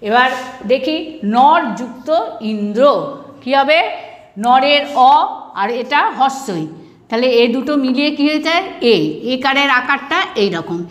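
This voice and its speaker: A primary school teacher with a Bangladeshi Bengali accent gives an online grammar lesson, posing questions and answering them herself as she repeats each rule. Her high-pitched voice is expressive and measured. The room sounds echoey.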